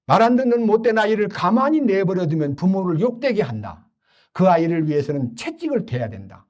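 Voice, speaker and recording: Older guy preaching, acts out people's voices as he tells the story, pitch jumps all over. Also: fairly quick. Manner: animated storytelling, acting out quoted voices. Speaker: pastor. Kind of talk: sermon.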